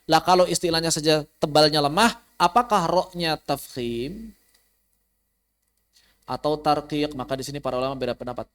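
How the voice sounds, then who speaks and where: A man teaching Quran recitation rules in an online class, explaining plainly and chanting example words slowly. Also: fairly high pitch, fairly bright tone. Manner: addresses students directly, invites questions. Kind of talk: online tajwid lesson. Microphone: online class recording.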